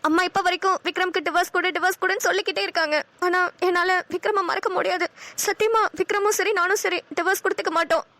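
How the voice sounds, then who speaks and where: A woman playing a high, pleading young wife. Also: steady tone, quick pace, bright, forceful tone, no echo, exaggerated voice. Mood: troubled. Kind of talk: cartoon voice acting.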